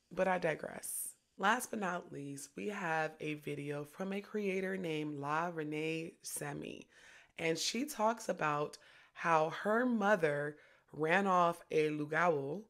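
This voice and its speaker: Low-voiced woman hosting with dry commentary. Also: fairly bright tone. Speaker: channel host. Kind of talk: casual commentary.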